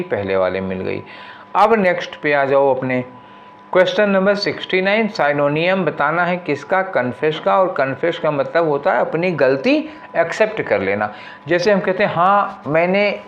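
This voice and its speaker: A male English teacher walking through an exam paper, explaining in Hindi, reading the English options slowly and asking rhetorical questions as he goes. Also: on the high side, muffled recording. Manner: conversational, asks rhetorical questions. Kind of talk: exam paper walkthrough lesson.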